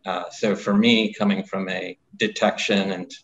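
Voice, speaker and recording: A man with a deep, flat voice speaks as an engineer and company chief on a panel. He is casual and plain-spoken. The sound is slightly muffled and lo-fi. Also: measured pace. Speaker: company CEO, systems engineer. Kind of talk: panel discussion.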